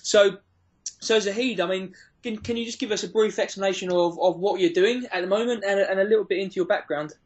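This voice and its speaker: A man with a notably high voice hosts a casual interview. He is a fitness coach who keeps things friendly and joking. His tone stays upbeat and informal. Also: a little fast, dull audio.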